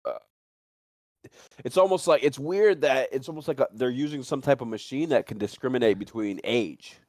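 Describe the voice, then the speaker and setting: With an animated, slightly mellow medium-pitched voice at a normal speed, this livestream participant rambles and repeats himself as he speculates and tells stories, swearing now and then. The recording is dry and studio quality.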